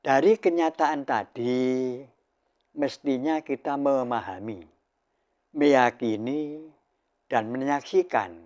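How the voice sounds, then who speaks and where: An older man giving a spiritual sermon in a measured, solemn way, pausing between short phrases. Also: mid-range voice, a little mellow. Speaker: spiritual teacher.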